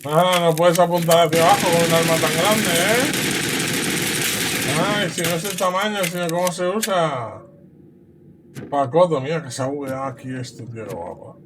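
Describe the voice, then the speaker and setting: A man with a Spain Spanish accent chats through a game stream in a loose, joking way. He breaks into playful sing-song repetitions. Loud game audio runs under his voice. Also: on the high side, normal speed, noisy background. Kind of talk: casual game commentary.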